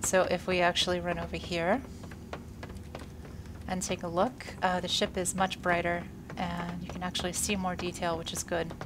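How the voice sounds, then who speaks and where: Over a noisy background, a woman with a lowish voice speaks in a level tone at normal speed, casually and cheerfully commenting on a space game while playing. She is congested and somewhat wheezy following a workout and illness, and fills gaps with lots of "uh." She's a creator of gaming videos.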